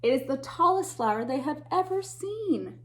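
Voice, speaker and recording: With a voice pitched high, a female teacher reads aloud from a picture book to young children in a lively, expressive storytime. Tense moments bring gasps and whispers, and she breaks off to show the kids the pictures.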